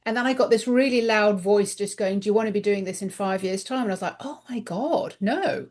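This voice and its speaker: A middle-aged woman appears as a guest author in a casual podcast interview, speaking earnestly and thinking out loud. Her mid-range voice is a little mellow and moves a little fast.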